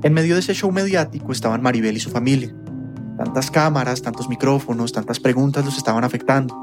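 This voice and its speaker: A man narrating a documentary podcast at a brisk clip, his voice sitting at a middle pitch. He reads a script with a measured, storytelling delivery. Faint music plays underneath.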